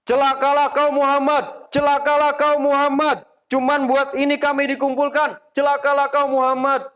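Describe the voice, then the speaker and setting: A man voicing a furious, scornful older uncle who shouts curses in a storytelling session, on a dull lo-fi recording. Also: very high voice, completely flat delivery, moderate pace, voice pushed up.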